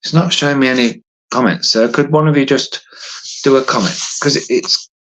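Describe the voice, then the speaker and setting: A man in his fifties doing push-ups on a casual livestream recorded on a phone, chatting hesitantly and ramblingly to viewers in a slightly husky voice. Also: mid-range voice, a little fast, fairly bright tone, rough recording. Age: 50s. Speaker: livestream host. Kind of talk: casual live chat to viewers.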